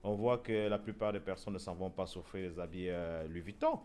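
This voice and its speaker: A man's voice: sits low, brisk, a little mellow. A man hosting a casual discussion show, talking with frequent fillers, repeated words and restarts. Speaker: show host.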